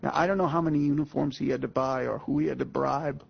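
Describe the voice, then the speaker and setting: Gravelly older man telling a story. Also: mid-range voice, steady tone, fast. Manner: folksy and emphatic, addresses the audience directly. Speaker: guest speaker. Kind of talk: storytelling talk to an audience. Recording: muffled lo-fi audio.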